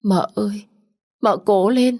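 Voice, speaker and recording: A woman's voice: sits low, fairly even intonation, takes it slowly. A woman voicing a young servant girl who anxiously pleads with her grieving mistress. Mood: pleading. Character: young frightened female maid, tearful and loyal.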